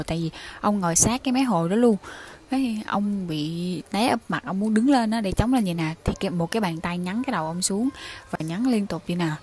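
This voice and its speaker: A woman's voice: medium pitch, a little mellow. A young woman casually retelling listeners' ghost stories, chatting directly to her audience and acting out the quoted lines. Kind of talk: casual spoken storytelling.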